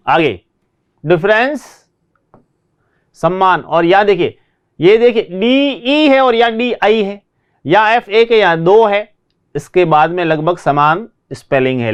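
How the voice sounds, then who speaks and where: A man teaching English vocabulary in a classroom lesson, repeating word pairs slowly and explaining them in Hindi. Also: on the high side, clear, resonant tone.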